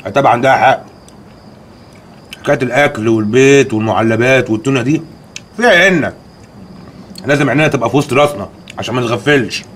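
A man's voice: medium pitch, quick pace, pauses often, fairly bright tone, slight background noise, lightly acted. A man playing a blustering sidekick. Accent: Egyptian Arabic. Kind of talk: TV sitcom acting.

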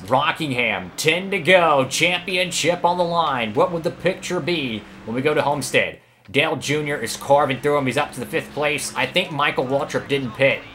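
A man commentating live over his own racing game career run, excitable and prone to sudden outbursts at other drivers and his car. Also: a little high, normal speed, few pauses, slight background noise. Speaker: gaming YouTuber.

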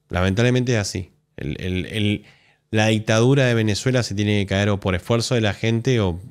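A man with an Argentine accent, hosting a live stream and reacting to clips in blunt, sarcastic, profanity-heavy commentary. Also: on the low side. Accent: Argentine Spanish. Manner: blunt, sarcastic, swears often.

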